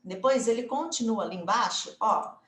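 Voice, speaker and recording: A Brazilian woman teaching English grammar in a casual video lesson, chatty and full of little tag questions, slowing down to spell out example phrases. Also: fairly high pitch, expressive, echoey room. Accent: Brazilian Portuguese.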